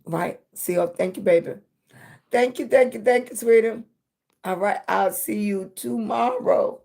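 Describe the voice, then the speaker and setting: With a medium-pitched, creaky, slightly mellow voice and a somewhat slow delivery, this American content creator runs a motivational livestream chat. Warm and supportive, she stresses her words, keeps tossing in checking tags, and addresses her audience with pet names like "sweetie" and "baby."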